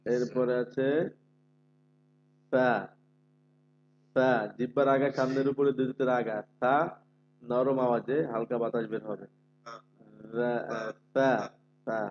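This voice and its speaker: A man's voice: mid-range voice, level tone, normal speed, darkish tone. A man leads an online recitation class, patiently drawing out each letter sound and repeating it for the students. His voice comes through slightly muffled, with a faint hum underneath. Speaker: Quran recitation teacher.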